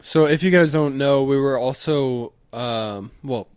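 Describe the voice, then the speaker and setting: A man's voice: mid-range voice, darkish tone, clear, resonant tone, no echo. A young man co-hosting a podcast, rambling easily with lots of restarts. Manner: rambling, halting restarts, easygoing. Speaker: podcast co-host. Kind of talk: casual chat.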